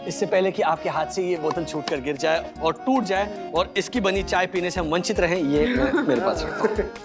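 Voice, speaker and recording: An actor playing an excitable middle-aged family father in a Hindi sitcom, speaking theatrically and mixing in English. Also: sits high, moderate pace, over music. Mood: playful.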